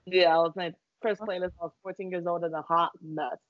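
A woman's voice: fairly low pitch, steady tone, fairly quick, no room sound. A young woman co-hosting a podcast, chatting casually, giggly and swearing freely. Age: young adult. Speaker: podcast co-host. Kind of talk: casual chat. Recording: dull lo-fi sound.

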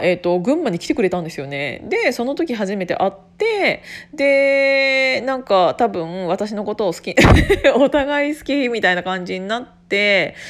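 A woman in her twenties from Gunma, hosting her own podcast in casual solo talk, chatty, with frequent laughs and fillers. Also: medium pitch. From Gunma, Japan. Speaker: podcast host.

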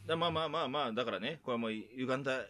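A man's voice: medium pitch, rapid-fire, sharp tone. A man in casual chat about an anime series, hesitant and full of fillers, with a wry tone. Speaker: podcast co-host.

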